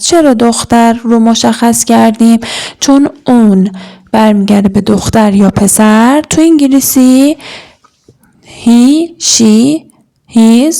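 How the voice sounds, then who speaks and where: A young woman teaching English grammar, explaining and modeling example sentences slowly and deliberately. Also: on the high side, vocal fry, warm tone. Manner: slow, deliberate, stretching out words.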